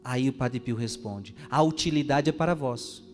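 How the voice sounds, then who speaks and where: A man's voice: mid-range voice, normal speed. A man giving a sermon in a church, reading an interview aloud and voicing the questions and answers with rising emphasis. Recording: long reverb of a church hall, faint music.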